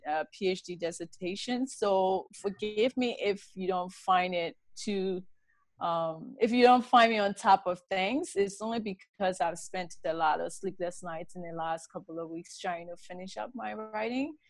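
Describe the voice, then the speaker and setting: A tired middle-aged woman from Liberia, giving a relaxed, chatty talk over a laptop video call from a home study. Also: mid-range voice, measured pace, dry recording. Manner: relaxed, chatty, laughs often. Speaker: guest speaker.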